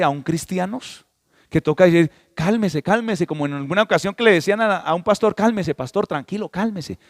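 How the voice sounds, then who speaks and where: A man's voice: on the high side, no echo, studio quality, big-room sound. A man preaching a sermon as a pastor, with emphatic rises and exclamations. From Colombia.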